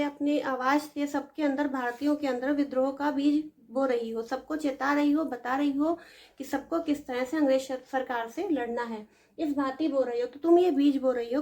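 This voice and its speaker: A woman teacher who reads verse lines slowly and then explains them in plain talk to students. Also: high voice, darkish tone, poor audio. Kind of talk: explaining a Hindi poem to students.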